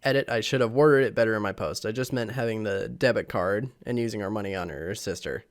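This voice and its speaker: He's brisk, with a fairly low voice, casually reading online posts aloud for his channel while a little sick. Rambling and chuckling with many fillers, the young host is recorded on a camera mic for this vlog.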